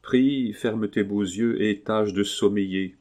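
A man's voice: fairly low pitch, fairly even intonation, slow, a little mellow. A man voicing a soothing, devoted young nurse-friend. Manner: soothing, coaxing. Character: gentle, devoted young woman nursing her friend.

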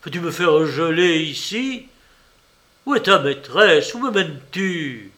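A man's voice: fairly high pitch, sing-song, slow, pushed and bright, exaggerated voice. A man reading an audiobook, voicing an arrogant but frightened nobleman who blusters and pleads. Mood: angry blustering.

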